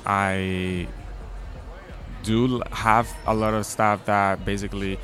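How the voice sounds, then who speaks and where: Deep-voiced young man, rambling casual talk. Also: flat delivery, slow, fairly bright tone, faint music behind. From Dominican Republic. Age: 20s. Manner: rambling, lots of likes and ums. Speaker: guest DJ. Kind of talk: casual interview. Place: outdoors at a city festival. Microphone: handheld mic.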